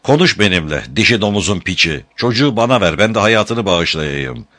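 A man reading the part of a furious, grieving young swordsman who shouts urgent threats, in a higher, louder voice than his narration. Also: sing-song, fast talker. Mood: menacing.

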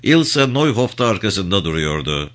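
A man narrating an audiobook with an expressive reading. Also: lowish voice, normal speed.

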